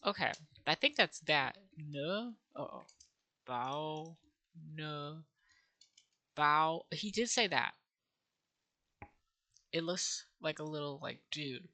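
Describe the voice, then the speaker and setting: A woman's voice: sits low, lively intonation, takes it slowly, pauses often, pushed and bright. A woman teaching herself a language on camera, thinking aloud and sounding out syllables in a playful, self-mocking way. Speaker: language learner vlogger. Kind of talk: casual think-aloud vlog.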